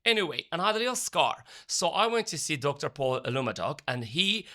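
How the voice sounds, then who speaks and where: Excitable male co-host, talks fast and bright, casual chat. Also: on the high side. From Armenian. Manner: fast, excitable, laughs a lot. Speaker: podcast co-host.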